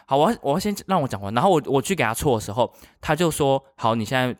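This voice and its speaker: A man talks quickly in a casual podcast chat, his pitch bouncing all over as he tells a story. He plays out each person he quotes in a different voice. The sound is close and dry. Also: no echo. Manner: animated storyteller who acts out quoted people. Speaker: podcast co-host. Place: in the United States.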